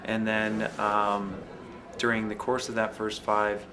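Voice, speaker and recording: A low-voiced man talks in a flat, even tone. He speaks in a measured way and often pauses on fillers. Clear ambient noise sits behind him. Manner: measured, halting with frequent fillers. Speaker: downtown business owner. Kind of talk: interview answers.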